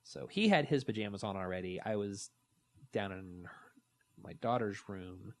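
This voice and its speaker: Lower-voiced man telling animated stories. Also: moderate pace. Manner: animated storytelling, acts out quotes. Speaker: podcast co-host. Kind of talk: casual chat.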